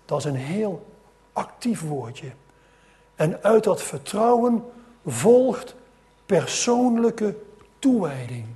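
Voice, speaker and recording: A man's voice: sits high, sing-song, takes it slowly, long pauses, mellow. A middle-aged man preaching a sermon, telling a story with rising emphasis and frequent restarts.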